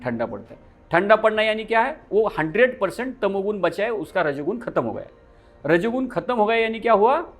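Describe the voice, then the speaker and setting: A slightly fast, high-pitched and energetic voice belongs to a yoga teacher addressing his class, his pitch swinging widely. He keeps asking the room questions only to answer them on his own, with quiet music behind him.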